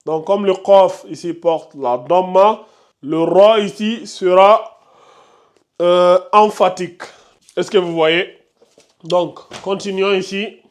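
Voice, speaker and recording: A man teaching Quran recitation rules in a slow explanatory lesson, repeating each rule and often checking that listeners follow. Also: sits high. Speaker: tajwid teacher.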